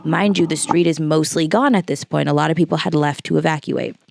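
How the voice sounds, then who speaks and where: A woman's voice: sits low, fairly quick, gravelly, a little mellow. A woman in her late twenties from the Los Angeles area, casually retelling a story with lots of fillers and quoted dialogue. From Los Angeles area, California. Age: late 20s. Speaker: vlogger. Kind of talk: storytime vlog.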